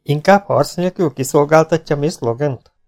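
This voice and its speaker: A man's voice: on the high side, a little mellow, natural voice. A man voicing a cocky, self-assured outlaw gunslinger who taunts his opponents. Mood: mocking. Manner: mocking, self-assured and teasing.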